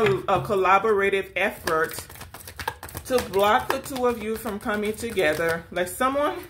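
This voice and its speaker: A woman's voice: mid-range voice, fairly bright tone, a little hiss or hum. A woman giving a casual spiritual tarot reading, sassy and direct, calling the listener honey and baby. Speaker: tarot reader.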